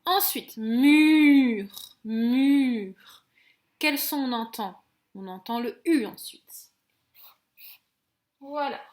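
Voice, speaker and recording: High-pitched, slow French teacher. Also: female voice, expressive. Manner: slow, clearly sounds out each letter and syllable; gentle and encouraging toward children. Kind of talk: slow phonics lesson for young children.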